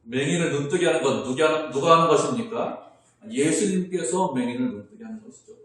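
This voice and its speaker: A man's voice: a little high, brisk, fairly bright tone. A man preaching a sermon as pastor, telling the story with rhetorical questions and acting out quoted lines. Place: church sanctuary. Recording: strongly echoey church sanctuary.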